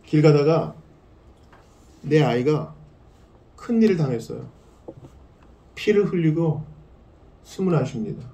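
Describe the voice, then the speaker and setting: A man preaching a sermon as pastor, swinging between loud emphasis and hushed tones. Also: on the high side, lively intonation, a little slow, pauses often, echoey room.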